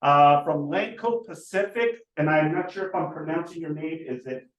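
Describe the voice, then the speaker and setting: A man hosts a team meeting in a relaxed, joking, upbeat way, his voice on the high side and his speed normal. The audio comes across distant, roomy, and dull.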